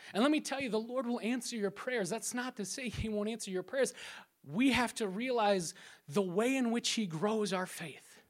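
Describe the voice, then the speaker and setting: A man preaching a sermon. He acts out scripture scenes and sometimes drops to a hushed, prayerful tone. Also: high-pitched. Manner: acts out scripture scenes and crowd voices with playful sound effects.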